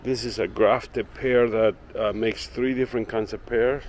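The woodworking channel owner walks through his outdoor garden and on into his workshop, camera held in hand, chatting loosely with many fillers. He sounds relaxed and rambling, his lowish voice at a measured pace, with slight background noise.

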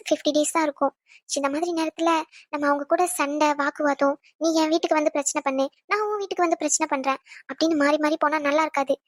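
A woman voicing a young pregnant wife in a cartoon family drama, calmly pleading and reasoning. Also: sits high, no room sound, natural voice. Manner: pleading and persuading.

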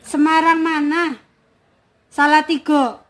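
A woman's voice: high-pitched, flat delivery, slow pace. A young woman from Brebes in Java, a caregiver patiently repeating her questions in casual chat. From Brebes, Central Java, Indonesia.

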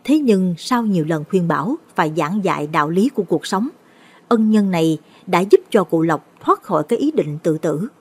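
A woman narrating a late-night Buddhist ghost story in a steady, measured way. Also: fairly low pitch, husky.

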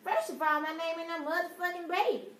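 A prank caller plays an aggrieved, easily offended customer, rambling, repeating herself, and swearing through an indignant phone complaint. Her very high-pitched voice is steady and fairly quick, and the recording sounds roomy, distant, and noisy.

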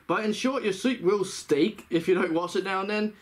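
A man's voice: high voice, normal speed. Man talking through a costume head. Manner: rambling, self-correcting, chatty. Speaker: fursuit vlogger. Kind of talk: casual tips video.

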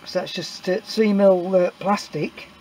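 A man's voice: high voice, fairly even intonation, a little slow, darkish tone, a little hiss or hum, low-quality recording. A middle-aged man casually walks through his homemade build in a workshop, rambling and plain-spoken with many uhs and restarts. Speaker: DIY maker showing a build. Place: workshop indoors. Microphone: camera mic, filming own hands off-camera.

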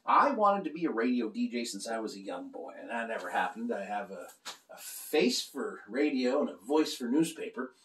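Speaking at a moderate pace in a mid-range voice, a middle-aged man gives an animated, joking, rambling beer review, his hands moving constantly. A camera across the table records him indoors in a small room with shelves of beer. The audio feels roomy and a little distant, with slight background noise.

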